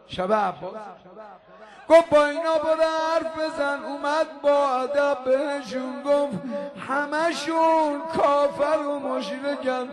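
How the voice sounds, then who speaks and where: An older man preaching in a half-sung, lamenting chant, breaking into shouts now and then. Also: very high voice, a crowd in the background. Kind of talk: chanted mourning sermon. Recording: music playing behind the voice.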